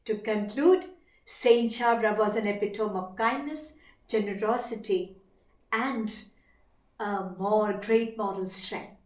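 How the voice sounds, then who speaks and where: A woman with an Indian accent delivering formal competition oratory in a declamatory, deliberate, emphatic manner with dramatic pauses. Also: medium pitch. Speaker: teacher competing in elocution contest. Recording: echoey room.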